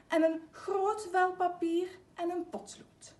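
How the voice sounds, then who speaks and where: A woman's voice: very high-pitched, little pitch movement, slow pace, a little mellow, pitched above the performer's own voice. A woman reading as an eager little bear cub girl. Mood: insistent. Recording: echoey room, mic at a distance.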